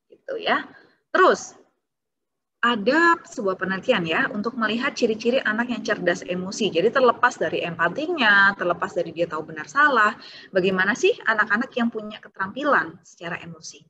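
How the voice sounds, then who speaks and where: Bright-voiced woman giving a parenting talk. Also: medium pitch, expressive, fairly quick. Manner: explanatory, acts out children's and parents' lines. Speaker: child psychologist.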